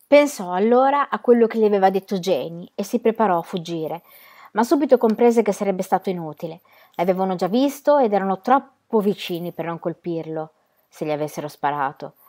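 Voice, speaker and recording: A woman reading a novel aloud in a steady, measured way. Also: mid-range voice. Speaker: reader.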